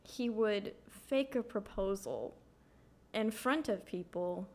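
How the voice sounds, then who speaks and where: A young woman co-hosting a podcast, telling stories in a casual, animated way with lots of fillers. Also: mid-range voice, slow pace. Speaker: podcast co-host. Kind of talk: casual chat.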